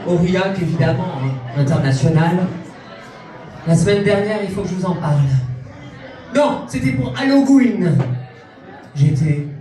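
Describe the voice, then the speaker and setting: A man's voice: high-pitched, lively intonation, moderate pace, pauses often, mellow. A man performing a vain, grandiose female diva character in a cabaret stand-up act, with camp, self-mocking delivery. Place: cabaret club stage before a live audience. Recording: distant echoey club sound with crowd.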